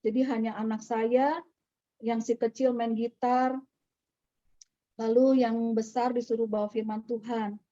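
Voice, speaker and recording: A woman's voice: a little high, flat delivery, a little slow, long pauses, dark tone. A middle-aged woman gives a personal testimony to a church audience. She tells her story conversationally and acts out the dialogue she quotes. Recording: slightly dull, dry recording.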